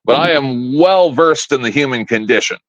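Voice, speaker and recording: A man in his fifties, a live-stream panel guest at home, delivers a casual rant with a blunt, profane, confrontational edge. His medium-pitched voice is animated and a bit bright, at normal speed and without echo. The recording is dull, lo-fi and dry.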